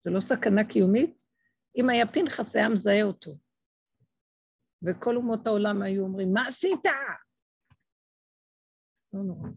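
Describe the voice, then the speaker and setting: A woman's voice: vocal fry, long pauses, darkish tone, breathy edge, no room sound. A middle-aged woman giving an emotional religious talk to an audience, acting out dialogues as she speaks. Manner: impassioned, acts out dialogues with swinging pitch.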